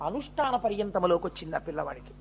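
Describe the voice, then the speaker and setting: A man giving a devotional storytelling discourse, chanting verses slowly and then explaining them in lively speech. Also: high voice, creaky, highs cut off, a little hiss or hum. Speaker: religious discourse speaker.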